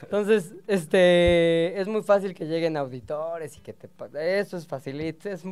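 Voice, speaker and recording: A man with a Mexican accent, a father and podcast host, talking in a casual, crude, joking way with sudden loud bursts. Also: fairly high pitch, measured pace, smooth. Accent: Mexican Spanish. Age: adult father.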